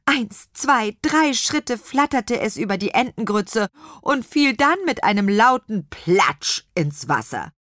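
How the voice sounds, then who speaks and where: A woman narrating a children's audiobook with animated storytelling. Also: fairly high pitch, takes it slowly, dry recording, studio quality.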